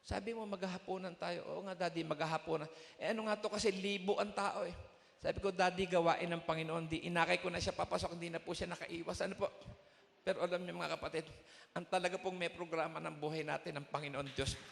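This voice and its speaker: A man's voice: high-pitched, steady tone, fast talker, vocal fry, fairly bright tone. A man giving an emotional testimony to a congregation in a large hall, telling the story in his own words and acting out both sides of the dialogue. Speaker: church testimony speaker. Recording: live hall recording with long reverb.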